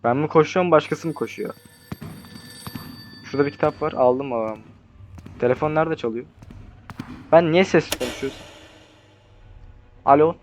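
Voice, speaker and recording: A young man commentating his horror game playthrough, talking nervously to the monster and swinging between hushed mutters and startled yells. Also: fairly high pitch, normal speed, long pauses, a little hiss or hum. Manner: jumpy, talks to the monster, swings from hushed to yelling. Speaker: gaming YouTuber.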